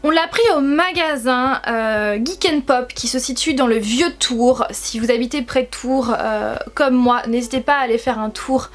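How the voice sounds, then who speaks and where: A woman's voice: a little high, moderate pace, hardly any pauses. A young woman from France chatting to camera at home about her collectible figures, gushing and enthusiastic, with many hesitations and repeated words. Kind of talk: casual chat to camera.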